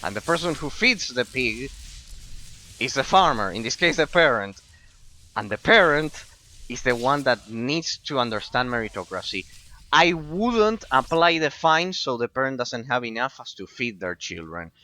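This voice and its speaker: His mid-range voice is sing-song, pushed and bright, moving at a moderate pace. He's an Argentine streamer casually commentating on his game, responding to chat and rambling about philosophy, often saying the same things again.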